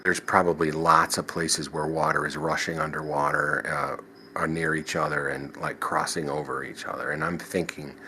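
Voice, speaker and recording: A very deep-voiced man talks through his own stories in an easy, rambling way, doubling back on his sentences and dropping in "you know." A faint hiss sits under his voice. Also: little pitch movement, normal speed, bright, forceful tone, poor audio. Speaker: podcast guest. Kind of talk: casual storytelling of paranormal experiences.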